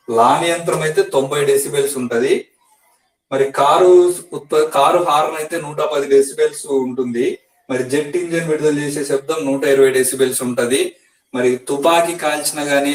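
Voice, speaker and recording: A male teacher giving an exam-prep science lesson, explaining step by step and repeating key facts for students to memorize. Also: mid-range voice. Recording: echoey room, voice from a distance.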